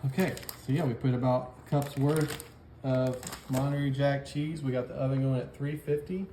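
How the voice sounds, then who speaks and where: A man's voice: medium pitch, fairly even intonation, moderate pace, mellow, reverberant, slight background noise. A man hosting a home cooking video, walking through each step in an easygoing, jokey, folksy way. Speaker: cooking show host. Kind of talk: casual cooking demonstration.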